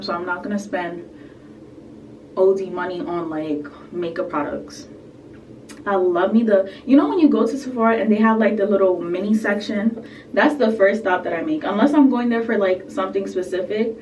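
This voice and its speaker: A woman's voice: medium pitch, recorded from a distance, slight background noise. A young woman chatting casually through a makeup tutorial at home, full of fillers and asides, sounding a bit sick. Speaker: beauty vlogger. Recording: roomy echo, set back from the mic.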